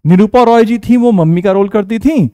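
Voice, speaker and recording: A man's voice: high-pitched, moderate pace, mellow, clean tone, no room sound. A man with an Indian English accent, teaching vocabulary in a casual online lesson, chatty and joking, calling his students 'beta'.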